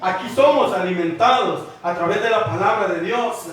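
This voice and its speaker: A man's voice: high voice, moderate pace, a bit bright. A man preaching a sermon in a church, repeatedly calling out "brothers" and questioning the congregation. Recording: echoey hall from far off.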